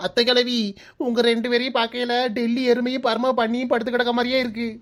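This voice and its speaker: Woman voicing a high-voiced cheeky daughter-in-law, Kanyakumari Tamil accent, taunting, cartoon skit. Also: completely flat delivery, quick pace, close to an everyday voice. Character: sharp-tongued young daughter-in-law. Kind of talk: cartoon comedy dialogue.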